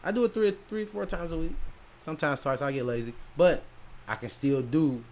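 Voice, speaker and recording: A young man co-hosting a podcast, bantering loudly in casual chat, animated and profane. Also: fairly high pitch, moderate pace. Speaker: podcast co-host.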